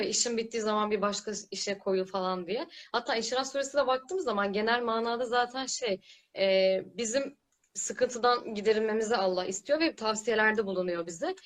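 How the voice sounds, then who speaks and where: A woman speaks as a participant in a casual religious discussion. She has a medium-pitched voice and reflects informally, as if thinking aloud. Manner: conversational, reflective, uses informal fillers.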